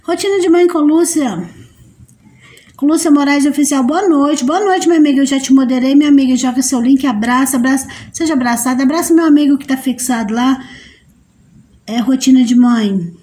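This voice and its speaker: A woman's voice: brisk, dark tone. A Brazilian woman hosting a casual live stream, chatting with viewers and often breaking into laughter. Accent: Brazilian Portuguese. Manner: giggly, bursts into laughter often; sweet high baby-talk to a pet.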